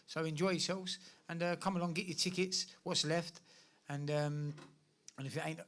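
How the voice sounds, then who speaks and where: A man with a somewhat high voice gives informal promotional remarks as a boxer. He is polite and halting, often repeating himself. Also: fairly even intonation, fairly bright tone. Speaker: boxer at a press conference.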